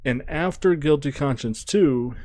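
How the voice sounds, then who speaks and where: A man giving a casual spoken album review, thinking aloud, restarting phrases and trailing off quietly. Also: on the high side, measured pace. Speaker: music reviewer.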